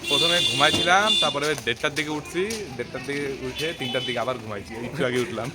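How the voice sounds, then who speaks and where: A man chatting casually outdoors in a relaxed, sleepy way. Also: medium pitch, fast. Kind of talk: casual chat.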